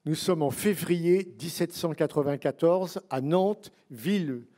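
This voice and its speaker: A man's voice: fairly high pitch, measured pace, dark tone. A man who is one of a book's authors, answering an audience question at a public talk, digressive with wry asides and many fillers.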